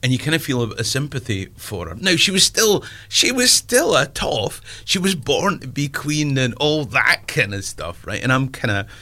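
With a sing-song, mid-range voice, this Scottish comedian in his fifties talks at a moderate pace with few pauses. His tone is bright and forceful as he chats in an interview, running himself down and wandering into asides.

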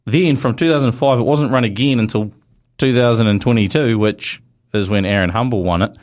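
A man's voice: medium pitch, brisk, a little mellow. A man with a broad Kiwi accent hosting a casual motorsport chat in a blokey, slangy, mildly sweary way. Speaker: motorsport show host.

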